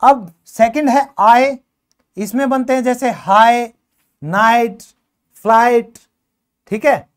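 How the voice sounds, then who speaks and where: Lady teacher, slow and patient, kinda high voice, going over letter sounds with her class. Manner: patient, drills words aloud and coaxes students to answer. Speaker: school teacher. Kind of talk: classroom English lesson.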